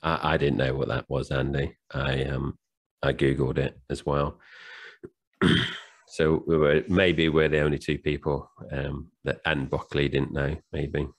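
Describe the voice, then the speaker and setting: A man's voice: rumbling low, flat delivery, measured pace. A man co-hosting a film podcast, chatting casually and retelling scenes with lots of fillers. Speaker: podcast co-host. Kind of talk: casual film review chat.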